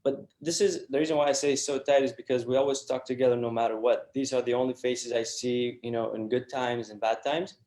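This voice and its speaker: A young man speaks as an interview guest. He talks earnestly, leaning on fillers and restarting his sentences. His voice sits at a middle pitch and rings with a noticeable room echo. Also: steady tone, brisk, hardly any pauses, a little mellow. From Iraq. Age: 20s. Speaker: guest entrepreneur. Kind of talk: casual interview talk.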